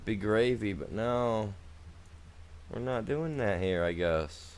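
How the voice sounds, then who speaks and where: On the low side and taking it slowly, this young streamer talks easily to his viewers while playing a farming game. His live chat wanders, with sentences that trail off and get started again.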